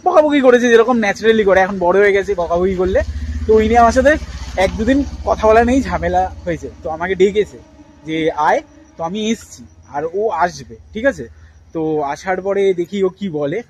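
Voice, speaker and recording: A man's voice: sits high, moderate pace, slight background noise, rough recording. A young man, talking casually to camera as a vlogger, rambling with many fillers and restarts. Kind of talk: casual vlog talk to camera.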